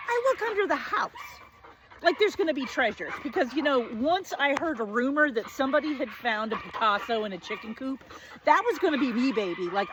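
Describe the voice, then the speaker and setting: Over some background noise, a woman in her forties, the host of her own show, shares a personal story casually and pokes fun at herself. Her telling mixes excited, high-pitched bursts with quiet, low asides.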